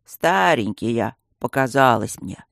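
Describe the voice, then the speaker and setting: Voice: mid-range voice, lively intonation, unhurried, no room sound, clean studio sound, lightly acted. A reader doing a grumpy old stone guardian. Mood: whiny. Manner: mumbling, toothless, loud grumbling.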